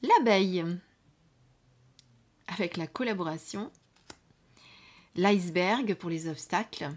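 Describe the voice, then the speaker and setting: Soft-spoken woman reviewing oracle cards. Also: lowish voice, expressive. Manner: soft-spoken, often trailing off into near whispers; unhurried, with frequent "hein" and "euh" fillers. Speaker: card reading channel host. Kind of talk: casual product review. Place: indoors at home under studio lights.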